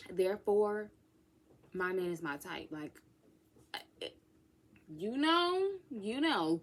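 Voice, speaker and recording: With a fairly low pitch and a fairly bright tone, a woman of twenty answers questions in a casual get-to-know-me vlog. Her manner is playful and sassy, and she drops into whispers for asides.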